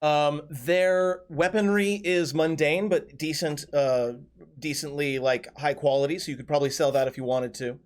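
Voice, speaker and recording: A man narrating a tabletop game as its game master. He talks in a relaxed way, pausing often on ums and restarting his phrases. His voice sits a little high for a man. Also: clean tone.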